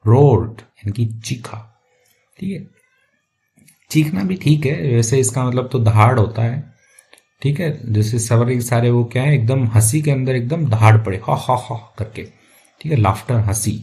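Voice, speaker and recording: A man's voice: medium pitch, measured pace, creaky, warm tone. A man working as an English teacher, reading a story line by line and explaining each phrase patiently, often checking in with the listener. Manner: patient, explanatory, keeps checking with "theek hai".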